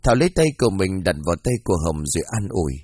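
Lively male storyteller, low voice. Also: very fast, breathy edge, no echo. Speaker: narrator. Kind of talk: storytelling audiobook narration.

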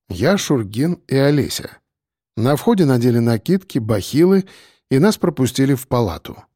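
Mellow male audiobook narrator. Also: medium pitch, dry recording, clean studio sound. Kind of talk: first-person audiobook narration.

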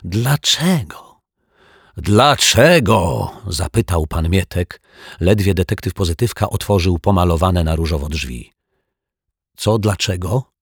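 Brief: male storybook narrator, low and husky, slow, dry close mic. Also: no room sound. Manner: measured, expressive narration. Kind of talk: storybook reading.

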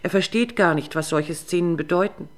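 A woman reading the lines of a tired husband and father, speaking calmly and with measured firmness. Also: on the low side, close to an everyday voice. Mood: weary. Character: weary, patient husband and father, restrained.

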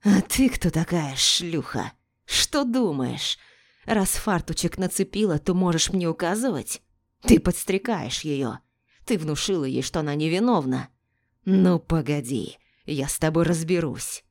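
A woman's voice: low-pitched, fairly even intonation, a little fast, hardly any pauses, no room sound. A woman voicing a brutal, raging middle-aged man who roars and snarls threats.

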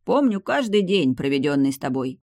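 A woman's voice: sits low, very animated, moderate pace, mellow, no room sound, heavily acted. A woman voicing a persistent young aristocratic man who keeps pleading with his former lover, in a dry-sounding reading. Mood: earnest.

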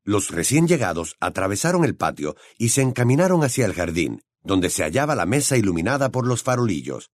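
A man narrating an audiobook in an expressive, storytelling way on a close studio mic. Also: on the low side, brisk, few pauses, no room sound. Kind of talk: scripted narration.

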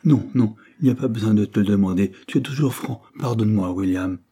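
A man reading the lines of an ailing, jealous young invalid in a French storybook, lifting his voice a little higher for the character. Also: a little fast, warm tone, breathy edge. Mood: apologetic.

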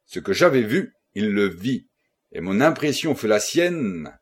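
A man reads a first-person novel aloud with expressive, dramatic delivery. His voice is a little husky, and his pitch swings widely to carry the tension of the scene. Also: a little slow. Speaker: audiobook reader.

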